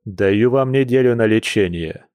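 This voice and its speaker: A man's voice: lowish voice, unhurried, a little mellow, smooth, no echo, lightly acted. A man voicing a wry older male wolf brother with a dry, philosophical manner in an audiobook.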